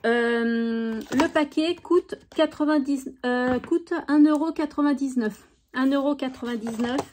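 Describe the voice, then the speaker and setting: A woman's voice: fairly high pitch, a little mellow, slight background noise. A woman chatting enthusiastically as she shows off craft supplies, with frequent fillers. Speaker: craft YouTuber. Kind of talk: casual product show-and-tell.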